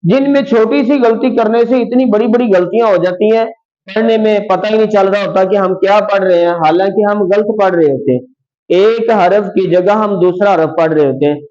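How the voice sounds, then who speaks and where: A man teaching how to pronounce letters for reciting the Quran, repeating each sound slowly and clearly for learners to copy. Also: sits high, darkish tone. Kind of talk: lesson on letter pronunciation. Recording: dull lo-fi sound.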